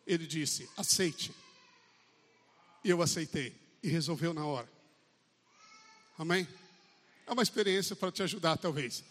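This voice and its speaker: A man's voice: fairly high pitch, moderate pace, pauses often, a bit bright. A man preaching a sermon in a church service, with a Brazilian Portuguese accent, emphatic and often calling for amens. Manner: emphatic, calls out for amens, acts out quotes. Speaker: pastor. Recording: long church hall reverb.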